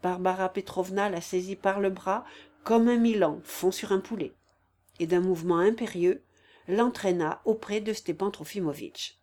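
Woman reading an old novel out loud, steady even narration, mid pitch. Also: normal speed. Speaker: audiobook narrator. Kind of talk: scripted literary narration.

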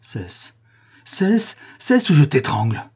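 A tormented notary in a fevered delirium, his cries climbing high and shrill, as a man acts him out. The voice underneath is dusky and husky, pushed to frantic outbursts in a storybook reading. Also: normal speed, warm tone. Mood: furious. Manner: frenzied, shrill outcries. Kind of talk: audiobook character reading.

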